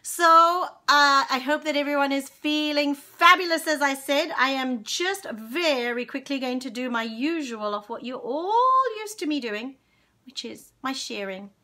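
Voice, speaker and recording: A Zimbabwean woman in her forties hosts a live children's singalong from a home room with plants and curtains, captured by a webcam at desk distance. Her voice sits high with a sharp tone, and she's animated. She chats and sings slowly and cheerfully, affectionately greeting viewers by name.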